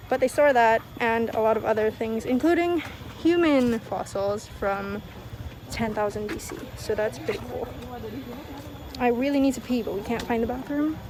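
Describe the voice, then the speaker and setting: A woman's voice: on the high side, moderate pace, background noise. Chatty giggly young woman vlogging. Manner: chatty, giggly, self-deprecating. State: out of breath. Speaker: travel vlogger. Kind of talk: casual vlog chat. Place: outdoors on a road trip, touring sites. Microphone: handheld camera.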